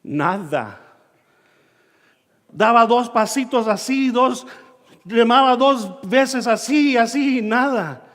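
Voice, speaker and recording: A man preaching a sermon, telling a personal story and acting out his own shouts and dialogue, in a church hall. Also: very high voice, animated, slow pace, pauses often. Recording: long reverb of a church hall.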